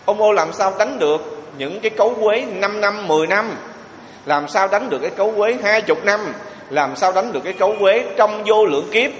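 A male Buddhist monk delivers a sermon, pressing his listeners with repeated rhetorical questions. His voice sits fairly high for a man. The sound rings with the long echo of a large hall, with faint ambient noise behind. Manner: rhetorical questions to the audience, emphatic. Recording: echoey hall with long reverb.

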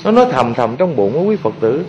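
Lively monk preaching. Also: male voice, mid-range voice, fairly quick, dull audio, a little hiss or hum. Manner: lively storytelling, often asks the audience questions. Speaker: Buddhist monk giving a dharma talk. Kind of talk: sermon to lay followers. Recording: echoey hall.

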